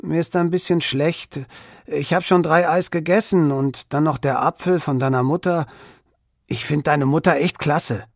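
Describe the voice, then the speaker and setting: A man's voice: on the high side, moderate pace, no echo, studio quality. A man voicing a shy, secretive boy who pleads and hesitates, near tears. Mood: pleading.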